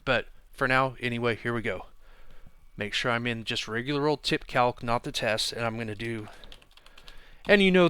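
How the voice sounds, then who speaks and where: A man's voice: medium pitch, clear, resonant tone, no echo. A man giving a casual screencast coding tutorial, thinking aloud with fillers as he types at his desk. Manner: relaxed, thinking aloud with fillers while typing. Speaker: programming instructor.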